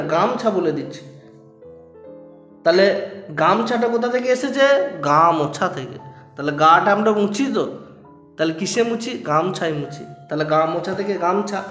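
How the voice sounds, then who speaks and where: High-voiced man teaching grammar, echoey room. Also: fairly bright tone. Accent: West Bengal Bengali. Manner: explains with everyday examples and questions. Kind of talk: grammar lesson to students. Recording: echoey room with faint music.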